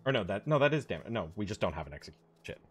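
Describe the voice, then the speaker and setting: Low-voiced man explaining raid mechanics. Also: big pitch swings, racing, husky, soft background music. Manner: rambling explanations with many fillers and mild swearing. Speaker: streamer, raid leader. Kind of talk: casual voice chat while gaming.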